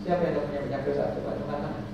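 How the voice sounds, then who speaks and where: A man teaching a pilgrim group in a lively way, quizzing and joking with them and leading their chants. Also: a little high, racing, creaky. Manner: lively, quizzes and jokes with the audience. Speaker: umrah guidance teacher. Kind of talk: religious instruction to a pilgrim group. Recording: echoey distant dull recording with noise.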